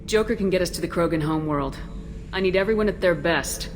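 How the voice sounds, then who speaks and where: An actress playing a confident military commander in a video game, direct and cool. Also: female voice, on the low side, fast, noisy background, lightly acted. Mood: businesslike. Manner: direct, assured.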